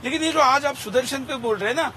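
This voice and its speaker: A man's voice: extremely high pitch, fast, sharp tone, a little hiss or hum. A man working as a TV news interviewer who pushes his guest with pressing, argumentative questions. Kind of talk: confrontational interview.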